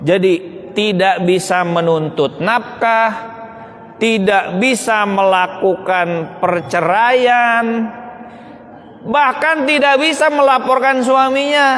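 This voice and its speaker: A male speaker giving a lively, joking talk to an audience, asking rhetorical questions and answering them himself. His voice is high for a man. A long reverb trails behind him in a large hall. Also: slow pace, long pauses. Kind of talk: humorous public talk.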